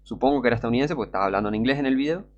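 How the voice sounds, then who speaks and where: A man's voice: mid-range voice, rapid-fire, lo-fi sound. A man with a Rioplatense Spanish accent preaching a fervent, scornful sermon full of rhetorical questions. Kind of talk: impassioned street-style sermon.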